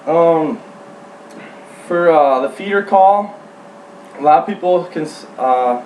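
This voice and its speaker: A man giving an informal how-to demonstration as a hunting instructor, speaking in a halting, plain-spoken way. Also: a little high, a little mellow. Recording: roomy, distant mic, faint hum.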